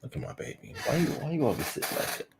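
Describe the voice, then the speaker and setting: A man in his thirties hosting a livestream morning show, chatting loosely with profanity and sudden loud bursts into a webcam mic. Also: mid-range voice, fast talker, creaky, very noisy. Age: 30s. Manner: loose, profane and animated, often bursting louder. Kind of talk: casual livestream chat.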